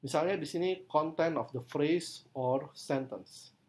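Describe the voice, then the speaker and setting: A man's voice: on the high side, unhurried, a little mellow. A man lecturing on English pronunciation, explaining in his own language and speaking example sentences with exaggerated stress.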